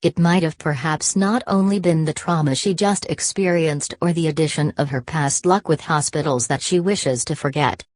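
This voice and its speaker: A woman reads a scripted superhero story as its narrator. Her voice sits low in pitch, and the recording is close and dry, with very little room sound. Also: normal speed, few pauses, a little mellow, no room sound. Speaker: audiobook narrator.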